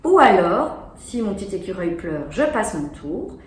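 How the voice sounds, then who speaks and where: A woman's voice: mid-range voice, very animated, measured pace. Chatty woman demonstrating games, echoey room. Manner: chatty, explaining while playing. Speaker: presenter of children's games. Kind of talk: casual product demo. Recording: echoey room with faint noise.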